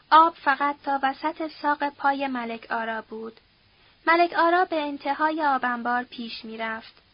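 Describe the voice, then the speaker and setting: A woman with a high voice narrates a novel at a steady, measured pace. Her voice is close and dry, with no room echo, and the recording sounds dull and muffled. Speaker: audiobook narrator. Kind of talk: scripted narration.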